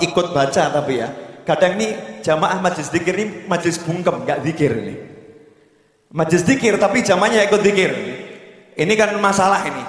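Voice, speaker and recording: Man preaching in an echoey hall. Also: a little high. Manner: lively storytelling with rising exhortations. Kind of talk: sermon. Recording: echoey hall with long reverb.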